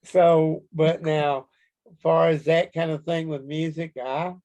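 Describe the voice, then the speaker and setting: A man with a Kentucky accent answering interview questions casually, in a folksy, halting storytelling way. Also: fairly high pitch, flat delivery, a little mellow, dull audio. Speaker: interview guest, Bigfoot researcher.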